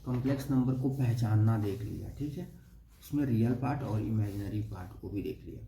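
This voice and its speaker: A man's voice: lowish voice, a little fast, gravelly, mellow. A young man teaching a math lesson step by step, often checking "okay?" with the class. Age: young adult. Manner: explains step by step, keeps asking "okay?". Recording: echoey room with faint noise.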